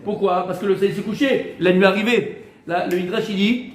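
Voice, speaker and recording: A man with a high voice leads a lively Torah class, teasing his students and firing questions at them. The room gives his voice a clear echo. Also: brisk, crowd noise. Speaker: rabbi. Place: room with a small group of students. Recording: echoey room.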